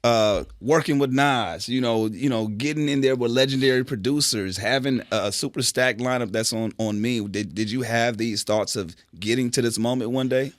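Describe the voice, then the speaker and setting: A man hosting a casual interview, relaxed and stumbling over his words as he asks questions. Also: mid-range voice, normal speed, hardly any pauses, no room sound, clean studio sound. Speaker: interview host.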